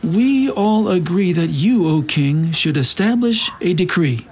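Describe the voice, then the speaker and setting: An actor playing a sly, flattering royal official in a theatrical Bible drama. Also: male voice, high-pitched, measured pace, slightly rough, faint music behind, full character voice. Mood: fawning.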